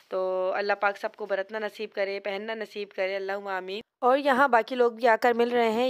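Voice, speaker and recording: A woman's voice: mid-range voice, clean tone. A young woman vlogger chatting and greeting relatives at a family wedding. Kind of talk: casual vlog chat.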